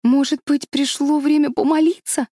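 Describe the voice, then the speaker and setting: A woman's voice: high-pitched, flat delivery, moderate pace, dark tone, dry recording, clean studio sound, voice pushed up, lightly acted. A woman reading an audiobook, voicing a timid, anxious little girl who begs her friend to be careful. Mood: pleading. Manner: pleading, begging, frightened. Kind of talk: audiobook character voice.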